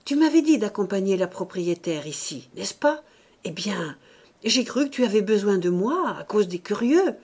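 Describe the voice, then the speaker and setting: A woman's voice: mid-range voice, big pitch swings, moderate pace, a little mellow, husky. A woman reading an audiobook, voicing a stubborn, fiercely devoted elderly mother who speaks doting words to her son.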